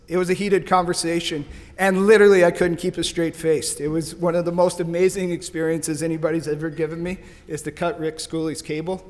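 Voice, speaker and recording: A man from St. Louis giving a thankful, storytelling hall of fame acceptance speech at a podium microphone in a banquet hall. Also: high-pitched. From St. Louis, USA. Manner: storytelling, thankful, loose and joking. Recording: hall reverb.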